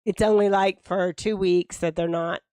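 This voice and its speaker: A woman's voice: mid-range voice, fairly even intonation, normal speed, warm tone, clear, resonant tone, no room sound. A woman in her late fifties co-hosting a casual couch chat, agreeing and prompting to keep going. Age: 50s. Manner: agreeable, prompting, many mm-hmms. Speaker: co-host.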